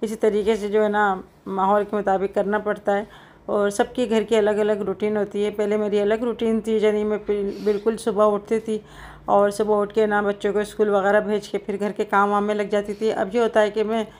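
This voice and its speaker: A middle-aged woman talks through her home cooking vlog in a chatty, rambling way, full of small fillers. Her pitch stays level and flat. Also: normal speed. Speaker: cooking vlogger. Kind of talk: casual home vlog chat.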